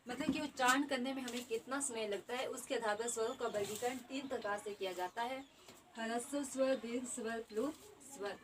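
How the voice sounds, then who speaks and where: Woman teaching from a distance, faint noise. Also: fairly high pitch. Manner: explains each term twice, repeating definitions. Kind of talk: exam-prep grammar lesson.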